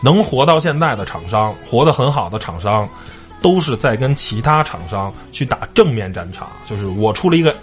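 A man hosting a casual car podcast, relaxed and repeating words as he talks. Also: medium pitch, moderate pace, faint music behind. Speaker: podcast host. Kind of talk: casual chat.

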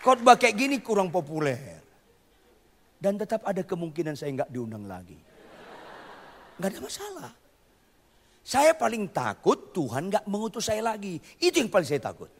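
A man preaching a lively sermon, quizzing his congregation and tossing in jokey asides, in a church hall. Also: high-pitched, moderate pace, long pauses, a little hiss or hum. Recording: long reverb of a church hall.

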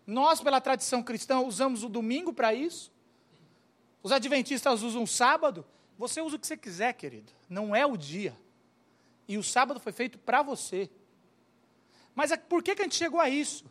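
A male pastor preaching with a high-pitched voice. He tells the story in an animated, humorous way. He slips in and out of the characters' voices as he goes. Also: fairly quick. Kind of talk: sermon.

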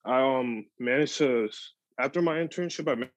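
A young man speaking as a podcast guest in casual chat, relaxed and full of "like" and "um". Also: medium pitch, moderate pace, dry recording. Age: young adult. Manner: relaxed, lots of "like" and "um". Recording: dull lo-fi dry sound.

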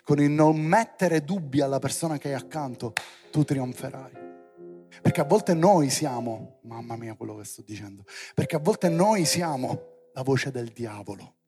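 A male preacher giving a lively sermon to young people, theatrical and building to loud exclamations. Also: medium pitch, moderate pace, faint music behind.

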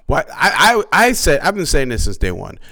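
A man co-hosting a casual gaming podcast, making his point in an animated, insistent way. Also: fairly high pitch, normal speed, creaky. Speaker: podcast co-host.

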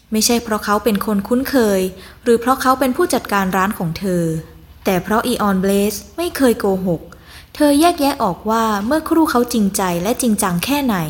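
A woman narrating a fantasy novel in a measured, even storytelling voice. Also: on the high side. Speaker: audiobook narrator. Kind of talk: scripted narration.

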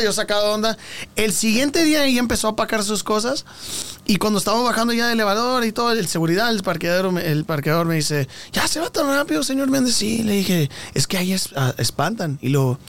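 A man's voice: high-pitched, fast, a bit bright. A man telling a story in a casual interview, acting out voices and sound effects as he goes. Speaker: guest singer.

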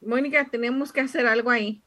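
A woman with a somewhat high voice hosts a talk show in a casual tone. She reads out viewer comments and asks light, playful questions. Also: steady tone, fast talker, pushed and bright.

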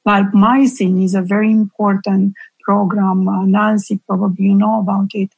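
A woman who is an engineering professor, speaking in a deliberate, explanatory way on an online panel. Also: medium pitch, flat delivery, vocal fry, darkish tone, husky, dry recording, rough recording.

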